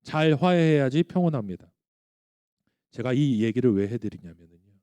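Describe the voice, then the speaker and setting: Lively, mellow-voiced pastor preaching. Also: male voice, medium pitch, moderate pace, clear, resonant tone, no room sound. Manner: animated storytelling, asking the audience questions; acts out quoted dialogue in his stories. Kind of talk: sermon to a youth congregation. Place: church.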